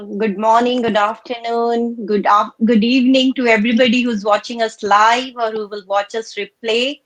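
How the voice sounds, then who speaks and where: Chatty woman from India, fairly high voice. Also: fairly bright tone, rough recording. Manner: chatty, addresses viewers. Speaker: panelist. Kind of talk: live panel chat.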